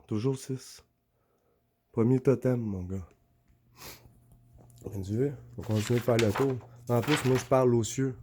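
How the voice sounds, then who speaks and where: A man's voice: medium pitch, dark tone. A man with a Québécois French accent, rambling in a casual monologue to camera, insistently asking if he is understood while showing his notes and drawings. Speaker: vlogger.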